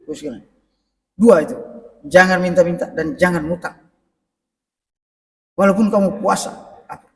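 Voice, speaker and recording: A middle-aged man with a high voice preaches in a relaxed, conversational way and keeps turning to the congregation. He sounds set back from the microphone. The mosque hall gives his voice a long, echoing tail. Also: moderate pace, gravelly, long pauses. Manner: conversational, addresses the congregation directly. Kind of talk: mosque parenting lecture. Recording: echoey mosque hall, mic at a distance.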